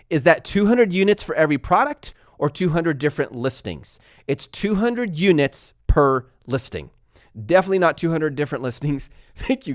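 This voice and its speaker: A man from Texas and California hosting a casual live stream, talking fast and energetically while reading viewer comments aloud. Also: fairly high pitch, dry recording, studio quality. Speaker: livestream host answering viewer questions.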